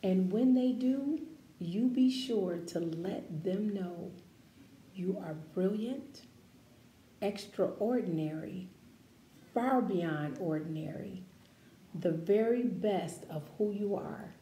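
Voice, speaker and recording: In an echoey room with faint noise behind her, a woman reads a picture book aloud to children and chats to them along the way. Her medium-pitched, mellow voice moves slowly and deliberately, emphasizing key words in an encouraging, expressive story-time style.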